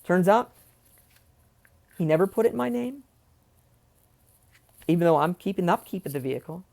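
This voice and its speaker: A man's voice: high-pitched, lively intonation, normal speed, vocal fry, a little mellow. A young man venting angrily in a personal vlog, swearing and going off on tangents. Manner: angry, swearing, goes off on tangents. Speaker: vlogger.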